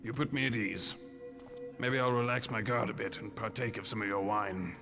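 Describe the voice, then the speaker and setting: A man's voice: on the low side, steady tone, moderate pace, music in the background, lightly acted. An actor playing a cautious male guest in a video game, speaking in a guarded, wary way.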